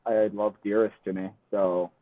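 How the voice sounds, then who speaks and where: Man, podcast guest, quiet thoughtful answers, lowish voice, tinny phone-line sound, dry. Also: level tone, normal speed, no echo. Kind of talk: casual chat. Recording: phone-like call audio.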